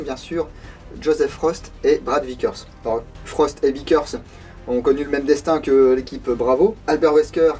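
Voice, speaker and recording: A man's voice: medium pitch, darkish tone. Chatty French-speaking man reviewing gear. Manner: chatty, frequent hesitation fillers, self-deprecating asides. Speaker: video host reviewing airsoft replicas. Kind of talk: casual unscripted product review.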